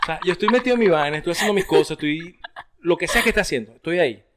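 A man's voice: fairly high pitch, very fast, a bit bright. A young Venezuelan man in casual chat with his wife, playing mock-exasperated and swearing often while half laughing. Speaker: co-host of a couple's channel.

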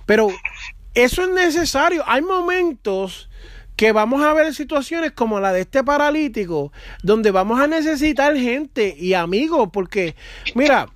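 A man's voice: very high-pitched, animated, a little slow, no room sound, clean studio sound. A man who works as a minister, telling a personal story in an earnest, conversational way during a faith talk. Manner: conversational, earnest, with fillers like "mano".

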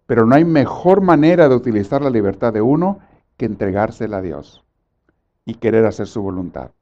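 A man preaching a sermon, swinging from soft asides to loud, pleading prayers he acts out. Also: mid-range voice, animated, fairly quick, muffled recording.

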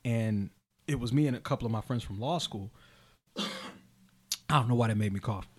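At a moderate pace and in a mid-range voice, a young man hosts a laid-back podcast chat. He tells stories with plenty of energy, giving each person he quotes their own voice.

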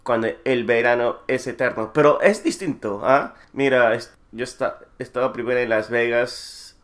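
A man, co-hosting a casual podcast chat, relaxed and laughing often. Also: mid-range voice, normal speed. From lives in New Jersey. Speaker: podcast co-host, producer.

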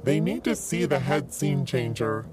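A woman voicing a big, easygoing cloud dragon in a low, gravelly, offhand way in a storybook reading. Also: unhurried, a little mellow, slight background noise. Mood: matter-of-fact.

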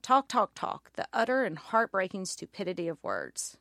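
A woman's voice: medium pitch, wildly swooping pitch, moderate pace, vocal fry, fairly bright tone, no room sound, clean studio sound. A woman with a Southern American accent gives a wry, pointed political commentary as podcast host.

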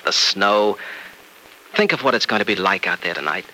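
Gentle young doctor, coaxing and earnest, lively bright voice, old radio play. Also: male voice, on the low side, moderate pace, slight background noise, low-quality recording. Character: young male doctor, kind and reassuring. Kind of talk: 1940s radio acting.

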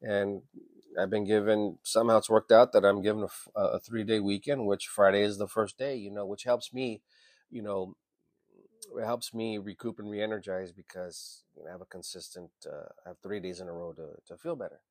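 A man's voice: fairly low pitch, steady tone, moderate pace, darkish tone, no room sound, clean studio sound. A man in his fifties who works in emergency medicine, talking through a reflective personal monologue in a rambling way. He leans on "you know", swears casually and often restarts his sentences. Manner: frequent restarts and repeated words.

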